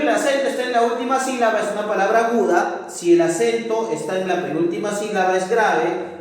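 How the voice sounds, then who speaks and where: A high-voiced man teaches a spelling lesson, recorded from far off in a very echoey room with a long, ringing reverb. He spells out syllables one by one and keeps checking in with his students. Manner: keeps checking in with tag questions, counts syllables aloud slowly.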